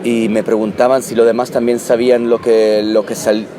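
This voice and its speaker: A man born in Italy, a musician answering interview questions in a halting, thoughtful way with many restarts. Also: medium pitch, level tone, noisy background. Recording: loud music behind. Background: loud music.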